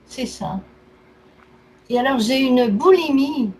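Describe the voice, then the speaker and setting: Poor audio with faint background noise captures a woman whose high voice has a darkish tone and slow pace. She speaks as a therapy client, casually running through her health complaints in short, itemized phrases.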